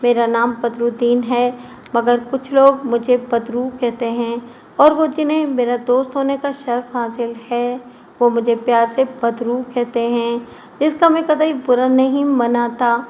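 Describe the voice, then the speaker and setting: A woman's voice: on the high side, fairly even intonation, a little slow, highs cut off, slight background noise, lightly acted. A woman voicing a talkative, playfully teasing young man in an audio story. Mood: friendly.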